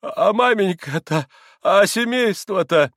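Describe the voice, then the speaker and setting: A man reading aloud and voicing a desperate, pleading poor captain with a high, breaking voice. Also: animated, unhurried, a bit bright, no room sound, studio quality, exaggerated voice. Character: desperate poor middle-aged retired army captain.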